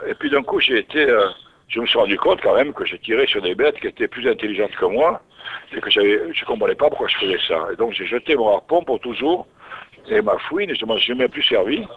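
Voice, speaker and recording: A man with a mid-range voice recounts his story as an interview guest, thinking aloud and frequently starting his sentences over. The audio is a tinny, narrowband radio recording with a bit of background noise.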